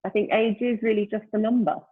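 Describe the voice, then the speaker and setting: A woman's voice: mid-range voice, fairly even intonation, brisk, breathy edge. A woman in her fifties, a guest in a casual interview, talks thoughtfully and often searches for words with "you know.". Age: 50s. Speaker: guest, brand founder. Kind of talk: reflective casual conversation. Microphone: remote call during lockdown. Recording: tinny phone-like call line.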